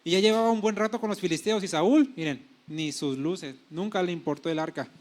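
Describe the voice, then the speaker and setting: High-voiced male pastor preaching. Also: fairly quick, darkish tone. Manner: preaching with paraphrased dialogue and self-corrections. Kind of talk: sermon.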